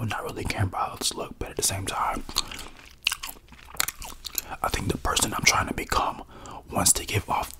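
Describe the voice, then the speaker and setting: A young American man whispers a loose, slangy ASMR ramble very close to the microphone. He chews gum as he talks. His voice is low and hushed, drifting casually from phrase to phrase. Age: young adult. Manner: chewing gum while talking. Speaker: ASMR creator and podcaster. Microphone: close desktop condenser mic with foam cover.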